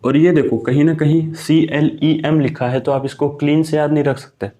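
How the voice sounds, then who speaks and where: A man's voice: a little high, fairly even intonation, normal speed, mellow. A young man teaching an exam-prep vocabulary lesson in a chatty, casual way, often calling his students brother. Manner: chatty, keeps saying "my brother" and "okay".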